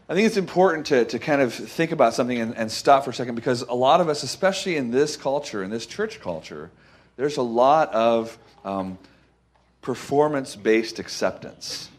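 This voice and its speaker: A Costa Rican preacher with a medium-pitched voice gives an informal, conversational sermon. He is folksy and halting, repeating phrases and checking whether his listeners agree.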